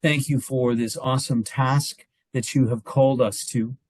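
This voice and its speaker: A man's voice: mid-range voice, fairly even intonation, moderate pace, a little mellow, slightly rough, dry recording, low-quality recording. A man, a pastoral relations minister, reading a poem aloud and leading a short prayer on a video call, hesitant with many ums between phrases.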